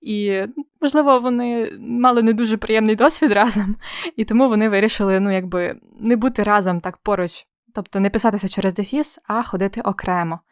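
A woman's voice: mid-range voice, a little fast, clear, resonant tone, dry recording. Young woman teaching spelling, dry sound. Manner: friendly explaining, playful comparisons, rhetorical questions. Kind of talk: exam-prep spelling lesson.

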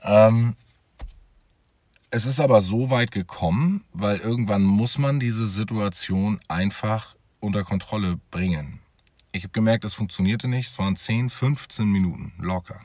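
A man's voice: lowish voice, unhurried, darkish tone, dry recording. A man telling his own story as a father in a personal vlog, talking straight to his viewers in a conversational way.

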